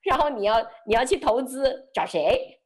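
A woman, telling a personal story in an interview. She speaks softly, often drops close to a whisper, acts out both sides of a conversation and laughs lightly now and then. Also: high-pitched, expressive, moderate pace. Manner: soft-spoken, often dropping to a near whisper; reenacts dialogue, laughs lightly. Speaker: interview guest.

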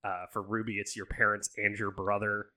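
A man narrating as game master in a casual, relaxed way. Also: on the low side, moderate pace.

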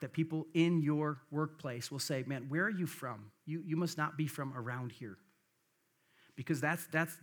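A middle-aged pastor from the American Midwest, his Midwestern accent a little softened by the South, preaches a sermon in a slightly high voice. He reads scripture earnestly and tosses a "right?" out to the congregation.

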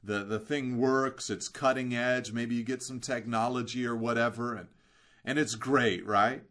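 A man preaching a sermon in an earnest way, slowing down to stress key words and asking rhetorical questions. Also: mid-range voice, fairly even intonation, fairly bright tone. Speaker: pastor.

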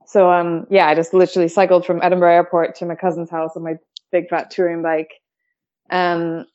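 A woman from Canada chatting in a relaxed interview, laughing often and using lots of fillers. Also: on the low side, brisk. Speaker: guest. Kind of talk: casual conversation. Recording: dull lo-fi audio.

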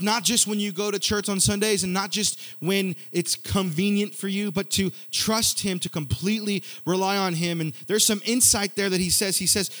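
A young man preaching a sermon in a church, energetic and conversational, building points through repetition. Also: high voice. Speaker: youth pastor.

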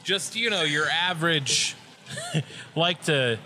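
A man's voice: a little high, lively intonation, takes it slowly, very noisy. A man co-hosting a podcast in casual, chatty, jokey conversation. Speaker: podcast co-host. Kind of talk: casual chat.

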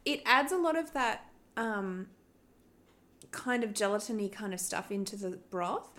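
A woman's voice: medium pitch, a little slow, a bit bright. A woman co-hosting a casual chat, talking freely and filling her sentences with "like". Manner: chatty, fills talk with "like". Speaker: co-host.

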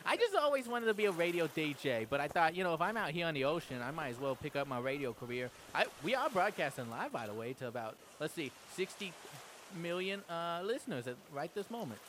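A man's voice: a little high, sing-song, quick pace, fairly bright tone, a little hiss or hum. A man doing improvised comedy on a podcast, rowdy and profane, laughing often.

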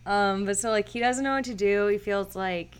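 A woman's voice: mid-range voice, moderate pace, clean tone. A woman chatting casually as a podcast co-host, recapping a film with many fillers and restarts.

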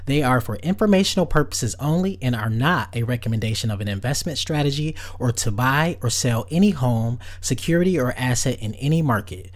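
A man with a husky voice hosting a podcast and reading announcements to listeners. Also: medium pitch, expressive, brisk, few pauses. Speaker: podcast host.

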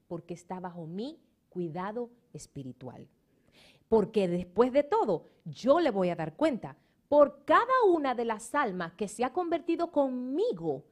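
A middle-aged woman pastor, preaching and telling stories with emphasis and dropping in English words. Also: mid-range voice. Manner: animated storytelling, emphatic, slips into English words. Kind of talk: sermon.

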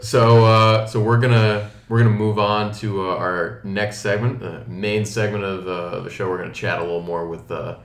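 A man's voice: on the low side, little pitch movement, normal speed, few pauses. A man co-hosting a casual podcast, talking with many restarts and fillers. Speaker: podcast co-host. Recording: roomy echo.

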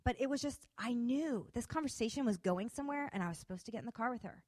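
Animated woman telling a testimony. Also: on the high side, quick pace, dry recording. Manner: animated, expressive retelling with quoted dialogue. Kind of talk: personal testimony storytelling.

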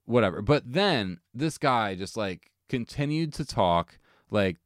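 A young man co-hosting a casual chat, telling animated stories full of fillers and swearing. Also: fairly low pitch, unhurried, no room sound, studio quality. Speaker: podcast co-host.

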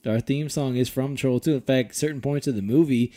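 A man hosting a casual podcast, animated and laughing often, swearing freely. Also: medium pitch, fairly quick. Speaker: podcast host.

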